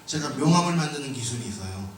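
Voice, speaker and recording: A man preaching a sermon with personal testimony, moving from quiet storytelling to shouted emphasis. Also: mid-range voice, animated, fast, a little hiss or hum. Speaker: pastor. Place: church sanctuary. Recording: echoey hall from far off.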